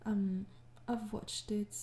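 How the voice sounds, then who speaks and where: A young French woman, an ASMR audio creator, answers fan questions in a soft-spoken, casual Q&A. Her mid-range voice stays level and slow, with an echoey room around her. She sounds tired, hesitant and apologetic, laughs softly often, and keeps slipping into whispers.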